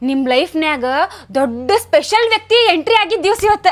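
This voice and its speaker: A woman's voice: very high voice, expressive, brisk. A woman with a North Karnataka Kannada accent playing a coaxing, nagging young wife in a comic sketch. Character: pleading, whiny young wife. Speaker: comedy sketch actor.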